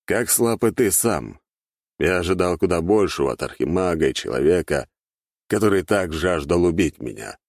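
A man voicing a calm, cold and mocking male dark mage. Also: low-pitched, normal speed, gravelly, no echo, studio quality, exaggerated voice. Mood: contemptuous.

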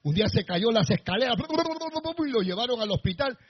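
A male pastor preaching a sermon to a congregation, with sudden shouted bursts. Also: very high-pitched, expressive, normal speed, slightly rough, lo-fi sound. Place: church before a congregation.

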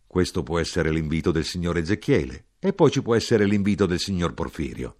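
A man's voice: sits low, lively intonation, brisk, a little mellow. A man reading an audiobook, voicing a jovial male tavern keeper with hearty exclamations.

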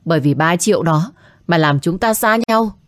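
A woman's voice: on the low side, expressive, moderate pace, no echo, natural voice. A woman voicing a protective young man who answers in short, firm replies and flares up in frustration, recorded dry. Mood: exasperated. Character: young man, well-off, protective, quick to anger.

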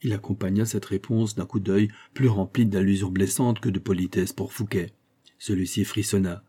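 A man narrates an audiobook in a low, husky voice, reading at a measured, even pace with a dark, mellow tone.

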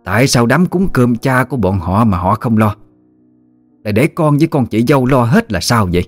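A fierce old grandmother, voiced by a male storyteller lashes out in a harsh, accusing tirade. Her pitch swings widely as she scolds, and soft music plays under the storybook reading. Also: animated, a little fast, natural voice. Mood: scolding.

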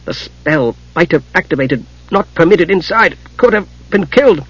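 A man's voice: extremely high pitch, lively intonation, moderate pace, a bit bright, no room sound, highs cut off, voice pushed up, heavily acted. A man voicing an earnest young male mage who is tense and anxious.

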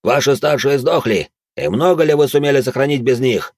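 A man's voice: brisk, darkish tone, dry recording, clean studio sound, lightly acted. A man voicing a cowardly male lord in an audiobook who pleads and shrieks in panic. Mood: hysterical. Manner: shrill, pleading, hysterical.

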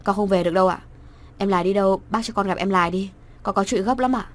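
A woman's voice: mid-range voice, fast, close to an everyday voice. Lady doing a polite young guy begging, earnest. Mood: pleading. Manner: polite, imploring. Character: earnest pleading young man.

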